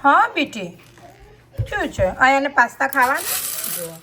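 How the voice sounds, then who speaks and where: A woman's voice: sits high, sing-song, measured pace, bright, forceful tone. A mother chatting with her children for a home vlog, coaxing and scolding them. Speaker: mother and vlogger. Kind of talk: casual family vlog. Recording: home video with clear background noise.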